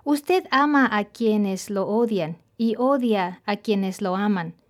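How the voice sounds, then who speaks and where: A woman's voice: mid-range voice, slow pace, close to an everyday voice. A woman voicing a stern male army general who firmly rebukes his king. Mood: reproachful. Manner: reproachful, firm.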